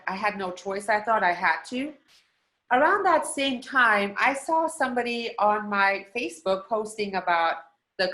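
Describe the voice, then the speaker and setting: Earnest woman in her forties, stuffy voice. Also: mid-range voice. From Germany. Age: 40s. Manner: earnest and steady, telling her story. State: stuffy from allergies. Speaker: guest. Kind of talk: personal story on a video call.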